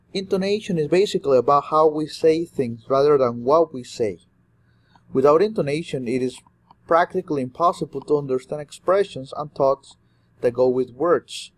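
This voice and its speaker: A young man with a voice a touch higher than most men's talks through a course review for an upcoming exam. He explains each point in order, pausing to act out short example phrases the way they would be said. The delivery is that of a student presenting to classmates. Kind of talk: spoken exam review lesson.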